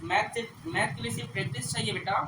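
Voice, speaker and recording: Stern classroom teacher, keeps asking "understood?", distant boomy room, street noise. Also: male voice, quick pace. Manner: scolds and lectures students; checks understanding with repeated questions. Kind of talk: classroom math lesson. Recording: echoey classroom from far off, traffic noise.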